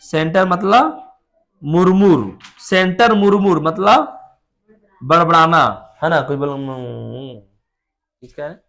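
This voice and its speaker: Male teacher, classroom vocabulary lesson, unhurried delivery, slightly high voice, keeps quizzing the class. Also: fairly bright tone. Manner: explains words with everyday examples, asks the class questions.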